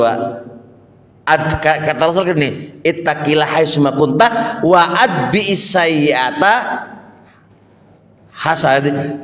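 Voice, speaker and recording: A middle-aged man with an East Javanese accent, giving a lively, folksy sermon in a mosque study circle, full of rhetorical questions and Javanese asides. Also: high voice. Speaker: religious teacher. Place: mosque hall. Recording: echoey mosque hall with long reverb.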